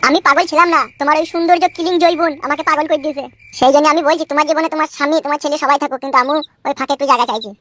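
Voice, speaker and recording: A woman's voice: high voice, fairly even intonation, rapid-fire, hardly any pauses, fairly bright tone, slight background noise. A woman voicing a pushy, lovesick village man in a comedy cartoon, wheedling and crude.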